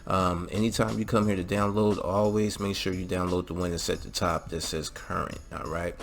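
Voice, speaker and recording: The host of a game-modding channel, a man with a low, creaky, flat voice, walks through a tutorial step by step at a moderate pace. His informal instructions are often capped with "all right" or "okay," and music plays in the background.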